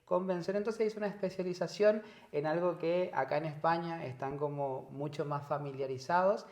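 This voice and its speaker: Reflective Argentine man, slightly high voice. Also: moderate pace, darkish tone. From northern Argentina. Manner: reflective, repeats words while searching for phrasing. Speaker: psychologist guest. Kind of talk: conversational interview. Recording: echoey room.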